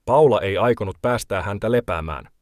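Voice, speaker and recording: Male reporter, lowish register, measured feature voice-over, dry booth sound. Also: darkish tone, no echo. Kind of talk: scripted documentary narration.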